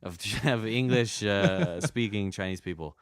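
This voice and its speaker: A man's voice: fairly low pitch, lively intonation, a little slow, smooth, no room sound, studio quality. An American man, a comedian guest in a casual podcast interview, telling stories in a rambling, self-mocking way. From United States. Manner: rambling, self-mocking, with frequent restarts and acted-out quotes.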